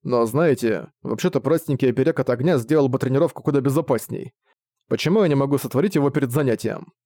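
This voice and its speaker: A man's voice: medium pitch, fast talker, warm tone, dry recording, studio quality, natural voice. A man voicing an irritable young male student of magic who speaks in a guarded, slightly sulky way. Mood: questioning.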